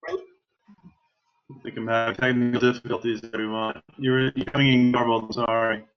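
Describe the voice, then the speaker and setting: A man's voice: medium pitch, level tone, moderate pace, muffled recording. A man on a school board's video call, giving brief apologetic replies while his call audio cuts in and out. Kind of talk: online board meeting. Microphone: computer on a video call.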